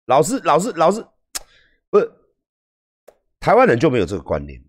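A Taiwanese man with a Taiwanese Mandarin accent ranting on a livestream, profane and heated, swinging between calm lecturing and yelling. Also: on the high side, brisk. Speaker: livestream host. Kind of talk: livestream rant.

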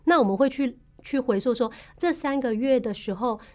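A woman with a Taiwanese Mandarin accent who works as a tuberculosis case manager, explaining her work patiently in a podcast interview, pausing often on fillers. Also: high-pitched, lively intonation. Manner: patient, explanatory, measured with frequent filler pauses.

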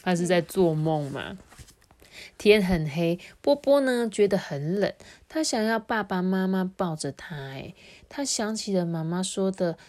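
A woman reading a picture book to children in a lively, sing-song way. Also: lowish voice, a little slow. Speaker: storyteller.

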